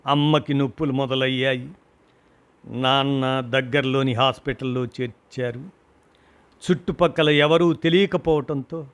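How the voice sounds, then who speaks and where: A man's voice: medium pitch, fairly bright tone, close to an everyday voice. A man reading a grieving husband's story of loss, emotional and rising to cries at the peaks, in a storybook reading. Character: grieving husband recalling his mother's death.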